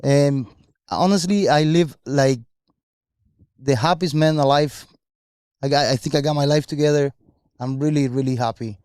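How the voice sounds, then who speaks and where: A man's voice: fairly high pitch, normal speed, pauses often, darkish tone, smooth, no room sound, clean studio sound. Earnest motivational man. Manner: earnest, motivational, searching for words. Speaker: podcast co-host. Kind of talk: casual podcast chat.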